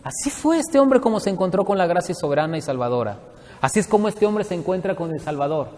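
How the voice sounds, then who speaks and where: A man's voice: high voice, lively intonation, quick pace, darkish tone, in a large hall. A man from Mexico, teaching a Bible study to his congregation in a conversational way and often asking them questions.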